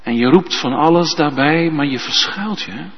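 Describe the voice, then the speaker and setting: A man preaching a sermon as pastor, slow and emphatic, often ending points with a tag question. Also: on the high side, slight background noise. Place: church. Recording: dull sound with long church reverb.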